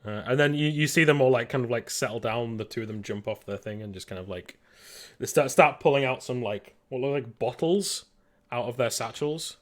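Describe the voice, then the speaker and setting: A man's voice: mid-range voice, fairly quick. A man runs a tabletop game in a loose, casual way. He hesitates often and fills his narration with ums and likes. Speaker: game master.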